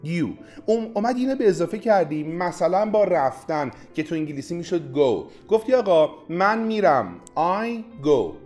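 A man teaching a podcast language lesson, coaching the listener directly with quick prompts, drills and praise. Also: sits high, big pitch swings, a little mellow, faint music behind.

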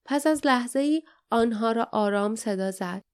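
A woman reading an audiobook as narrator, telling the story in a calm, even way. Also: fairly high pitch, smooth. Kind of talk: scripted narration.

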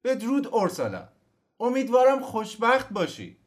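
A man's voice: very high voice, huge pitch swings, pitched above the performer's own voice, heavily acted. A man voicing a stubborn young man. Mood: resolute. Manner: firm, resolute.

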